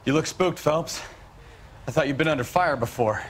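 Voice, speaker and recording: An actor playing a needling police partner in a 1940s detective game. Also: male voice, a little high, moderate pace, slight background noise, natural voice.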